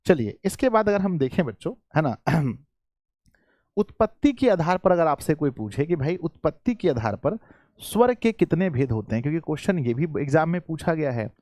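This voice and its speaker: Lively-voiced man teaching a live class. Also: fairly high pitch, normal speed, dry recording, studio quality. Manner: repeats questions to students, calls them "बच्चों", clears throat often. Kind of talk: live online class lesson.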